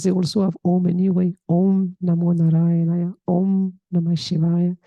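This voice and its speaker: A woman gives an unhurried spiritual talk as a yoga teacher, with a gravelly, mellow voice. She explains a text calmly and reflectively, pausing on a soft questioning hmm. The sound is close and dry, with no room echo. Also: on the low side. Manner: calm, reflective, often checks in with a soft hmm.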